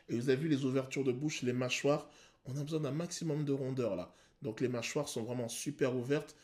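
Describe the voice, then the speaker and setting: A male vocal coach explaining singing technique to viewers, pausing to sing short examples. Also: a little high, warm tone. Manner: explanatory, addresses viewers, sings short demos. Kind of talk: vocal analysis video commentary.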